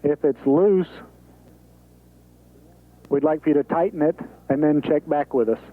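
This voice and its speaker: A man on the high side, measured in pace, relays procedures over radio as an American capsule communicator at mission control. His instructions are clear, step-by-step and businesslike, and the audio is narrow and tinny, typical of a band-limited space radio link.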